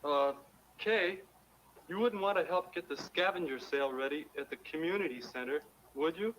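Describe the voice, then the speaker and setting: A man's voice: on the high side, normal speed, a bit bright, close to an everyday voice. A man acting an earnest, nervous young American in a 1950s educational film, with stiff, polite, hesitant delivery. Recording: noisy old film soundtrack.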